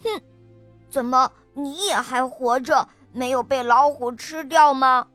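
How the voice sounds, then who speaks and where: A woman's voice: sits high, takes it slowly, a bit bright, soft background music. A woman voicing a small, stubborn boy hedgehog who answers back in a huffy, indignant way.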